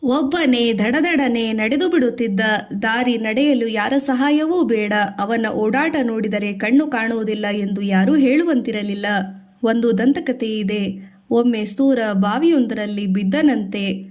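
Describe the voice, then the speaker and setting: A woman narrating a devotional story from a script, lifting her voice for the characters' lines. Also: measured pace. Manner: expressive, voices characters' lines with a raised pitch.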